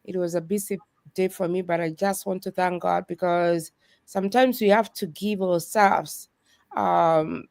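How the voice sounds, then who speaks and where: A Kenyan woman, a guest in a faith-based conversation, earnestly shares her faith and business story as a testimony, with soft laughs. Her fairly low, gravelly voice is unhurried and fairly even, recorded at studio quality without echo.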